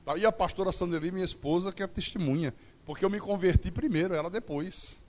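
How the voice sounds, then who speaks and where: Middle-aged preacher guy, high voice, echoey church, jokes and acts out bits. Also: quick pace, a little mellow. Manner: preaching with acted-out dialogue and humor. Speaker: pastor. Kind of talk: sermon.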